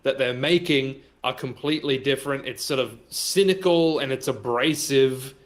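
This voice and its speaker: A man in a casual group stream, laying out his argument in a measured way. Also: mid-range voice. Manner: measured, reasoning aloud.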